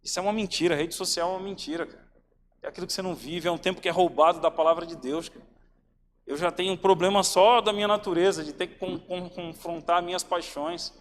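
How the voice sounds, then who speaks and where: Male preacher, casual sermon delivery, slightly high voice, long church reverb. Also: a bit bright. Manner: informal, addresses listeners as "cara" and "irmãos". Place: church hall. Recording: reverberant church hall, faint ambient noise.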